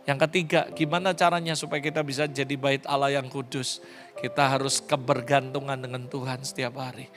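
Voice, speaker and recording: A man preaching a sermon as pastor, passionate and often rising to loud, high exclamations, slipping English phrases into his talk.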